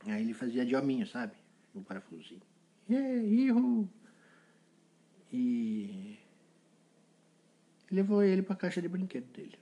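Animated man telling a story. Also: mid-range voice, quick pace, husky. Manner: playful, animated storytelling with sound effects. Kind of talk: improvised children's story.

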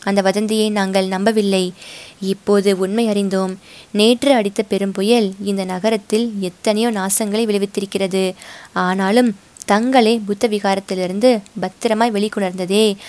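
A woman's voice: mid-range voice, darkish tone, close to an everyday voice. A woman voicing a respectful town leader who addresses a prince in formal, deferential speech.

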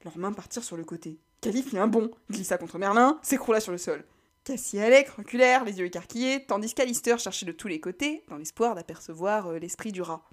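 A woman's voice: medium pitch, a little fast. A woman reading a story aloud as narrator. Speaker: reader.

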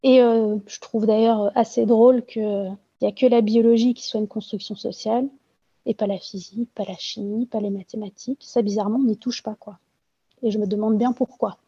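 A woman's voice: on the high side, steady tone, brisk, mellow, slightly rough, no echo, dull audio. A woman testifying anonymously in an interview, talking earnestly with frequent hesitations and fillers. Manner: hesitant, many fillers and restarts.

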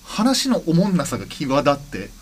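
A man, a bassist co-hosting a podcast, chatting casually and laughing often as he talks. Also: moderate pace. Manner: animated, laughs often while talking. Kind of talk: casual chat.

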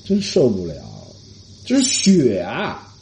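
A man's voice: medium pitch, takes it slowly, a little hiss or hum. A man hosting a comedy podcast, talking in a casual, joking monologue, with a Mandarin Chinese accent and English phrases mixed in. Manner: animated, mixes English phrases, mocking voices.

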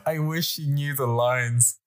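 A man's voice: mid-range voice, fairly even intonation, a little slow, smooth. A man hosting a podcast, casually asking questions and leading playful games. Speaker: podcast host. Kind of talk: casual chat.

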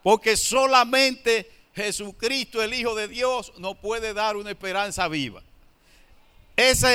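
Bright, clear-voiced high male preacher. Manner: slows down for emphasis, asks and answers his own questions. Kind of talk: sermon.

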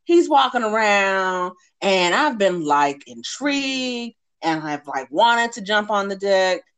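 A woman co-hosting a casual chat, telling stories slowly and drawn out. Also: medium pitch, big pitch swings, fairly bright tone, clean tone.

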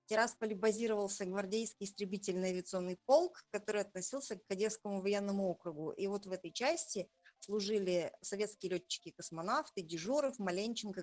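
A woman in her forties from Transnistria, a journalist speaking in an interview in a proud, thoughtful way with hesitant pauses. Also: mid-range voice, dry recording. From Transnistria, Moldova. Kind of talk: conversational interview.

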